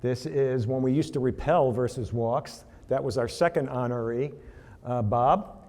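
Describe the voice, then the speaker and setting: This charity event presenter has a medium-pitched, slightly mellow voice and an unhurried delivery. Speaking casually in a banquet hall, he tells stories over slides with fillers and asks for the next slide, and the hall's reverb carries his voice.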